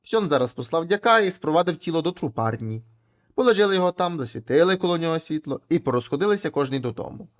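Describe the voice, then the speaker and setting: A man reading folk tales aloud in an animated storytelling manner. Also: on the high side, quick pace.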